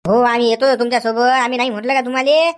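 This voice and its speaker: A woman acting in a village comedy skit, questioning and calming in a chattering way. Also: on the high side, rapid-fire, natural voice. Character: village woman, then police constable.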